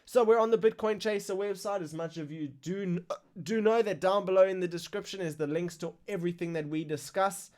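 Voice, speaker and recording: A man hosting a live crypto news stream, reading market figures in a casual, excitable way while fighting the hiccups. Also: high voice, a little fast. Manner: excitable, exclaims over numbers.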